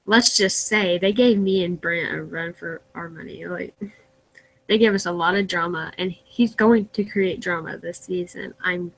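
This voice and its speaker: Slow, giggly young woman. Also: lowish voice, gravelly, fairly bright tone, no room sound, low-quality recording. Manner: unsure, giggly, with fillers like and um. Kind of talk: casual group call chat.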